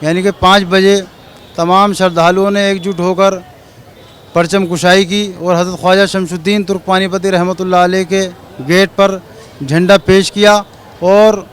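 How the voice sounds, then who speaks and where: A man giving a formal spoken account, haltingly, with ornate religious vocabulary. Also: sits high, little pitch movement, a little hiss or hum.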